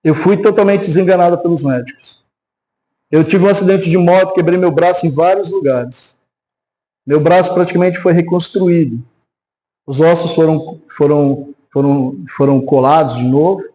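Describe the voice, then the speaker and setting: A man's voice: a little high, normal speed, low-quality recording. A man with a Brazilian Portuguese accent, a pastor preaching a sermon in a church, telling a testimony with acted-out voices and leading a prayer. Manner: animated storytelling, acts out quoted voices. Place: church sanctuary.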